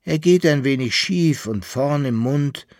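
A man's voice: medium pitch, measured pace, a little mellow, dry recording, studio quality, pitched above the performer's own voice, close to an everyday voice. A man voicing a weak, dying old man giving his last instructions in a storybook reading. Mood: weary.

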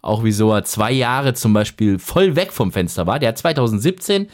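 A man hosting a podcast, talking in a casual, lively and self-deprecating way as he introduces his guest. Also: medium pitch, normal speed. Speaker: podcast host. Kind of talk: casual interview.

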